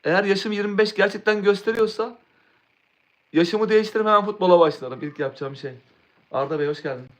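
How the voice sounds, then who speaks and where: Young man, a bit high-pitched, casually chatting to his live-stream viewers and often restarting his words. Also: brisk. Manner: rambling, restarts words, answers chat.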